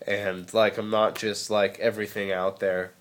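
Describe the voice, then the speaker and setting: A man's voice: lowish voice, level tone, normal speed. Sarcastic young man with a head cold. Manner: sarcastic, jokey, riffs in mock voices. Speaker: vlogger. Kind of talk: casual rambling vlog.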